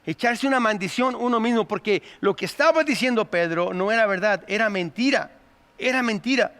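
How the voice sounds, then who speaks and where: High-voiced Mexican pastor preaching. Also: male voice, expressive, brisk, bright, forceful tone. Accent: Mexican Spanish. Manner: addresses the congregation as "hermano", rhetorical questions. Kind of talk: sermon. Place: church sanctuary. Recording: long hall reverb.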